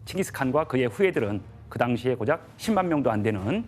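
Man giving a lively history lecture. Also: medium pitch, a little hiss or hum. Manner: measured explaining with frequent "예" fillers. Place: TV studio.

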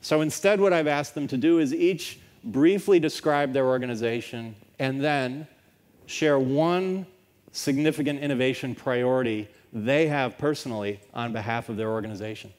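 A man moderating a conference panel, measured and guiding as he introduces speakers. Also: medium pitch, a little mellow. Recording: long hall reverb.

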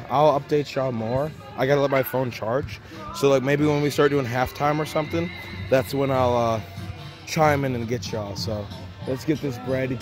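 Upbeat young man vlogging on a phone. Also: mid-range voice. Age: young adult. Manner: upbeat, rambling, slangy. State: slightly out of breath. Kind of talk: casual vlog narration. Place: walking outdoors on a college campus. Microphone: handheld phone.

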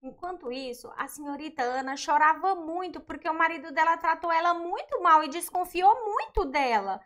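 Woman storyteller for a game video; high, bright, gentle, sympathetic. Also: lively intonation, normal speed. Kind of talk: storytelling narration.

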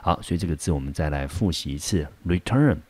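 A man from Taiwan, teaching an English vocabulary lesson and sounding out example sentences slowly and carefully. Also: very deep voice, animated, darkish tone, slightly rough. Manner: slow careful word-by-word pronunciation.

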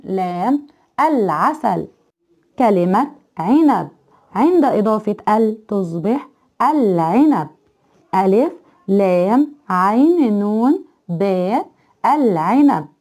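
A woman's voice: medium pitch, lively intonation, slow, dark tone. A woman teacher reviews spelling for young children, sounding words out letter by letter and praising each answer. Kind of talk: kindergarten Arabic spelling review.

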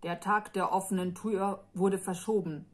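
A woman's voice: medium pitch, steady tone, normal speed, close to an everyday voice. A woman reading as a solemn castle guard. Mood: grave.

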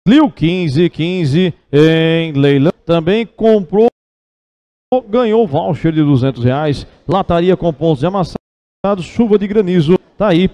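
Brazilian guy doing auction chant, highish mellow voice, repeats the numbers over and over. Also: a little slow. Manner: repeats figures in rhythmic, insistent runs. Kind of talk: rapid, repetitive auction chant calling bids. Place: car auction with a live and online audience.

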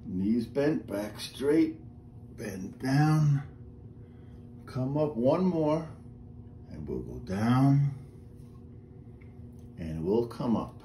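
In a small room with a painted wall, a middle-aged man runs a seated exercise class as its instructor, speaking at medium pitch, very slowly, with long pauses. His cues and breathing counts are calm and step-by-step, recorded by a nearby camera amid echo and faint background noise.

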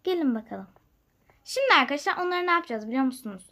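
High-voiced young woman narrating gameplay. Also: quick pace. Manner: lively, talks to viewers, jumps between loud excitement and quiet whispers. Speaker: gaming channel host. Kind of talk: chatty gameplay commentary.

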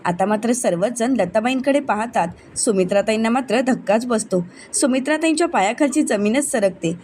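A woman's voice: fairly high pitch, lively intonation, a little fast, a little mellow, a little hiss or hum. A woman narrating a recap of a television serial, acting out the characters' quoted lines with her voice rising.

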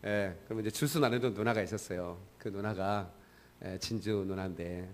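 A man's voice: fairly low pitch, moderate pace, slight background noise. A male pastor giving a sermon in a church service, preaching in a conversational way and often prompting the congregation.

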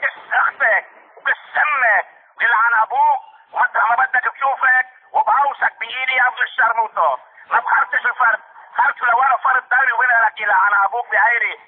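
A man doing a shrill, foul-mouthed Lebanese hothead on the phone. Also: fairly even intonation, fairly quick. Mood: raging. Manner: repetitive, insistent, hurling insults. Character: hot-tempered foul-mouthed man who denies owing money. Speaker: prank caller. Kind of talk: prank phone call. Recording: tinny phone line.

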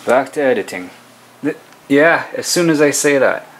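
A man's voice: medium pitch, expressive, moderate pace, a little hiss or hum, low-quality recording. A man in his thirties casually vlogging at home, chatty and a bit grumbly. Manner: laid-back, chatty, mildly grumbling. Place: home kitchen and living room. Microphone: camera mic.

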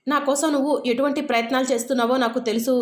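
A gentle, loving young husband who speaks softly of fate, as a woman reads his lines in her own high voice. Heard in an echoing room. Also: fairly even intonation, very fast, natural voice. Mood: tender.

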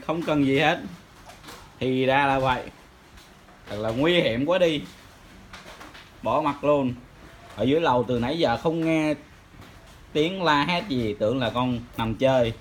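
Slow, teasing father. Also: mid-range voice, a little hiss or hum. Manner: teasing, full of questions. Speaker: father talking to his baby. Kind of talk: playful baby talk.

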